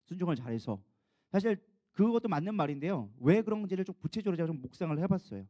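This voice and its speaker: A man's voice: high-pitched, very animated, quick pace, dark tone, no echo, highs cut off. A male co-pastor preaching a sermon, telling the story with animation and putting questions to the congregation.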